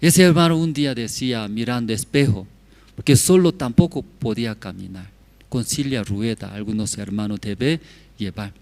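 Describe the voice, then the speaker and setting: A male pastor preaching at a mid pitch, delivering his sermon in short, halting phrases. He keeps stopping to check with the congregation through quick tag questions as he tells a story. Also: creaky, darkish tone. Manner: storytelling of a hospital visit.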